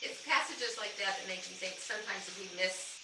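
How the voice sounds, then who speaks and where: A woman in a church group discussion, speaking in a lively, reflective way. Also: mid-range voice, moderate pace. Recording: roomy room, distant mic, hum.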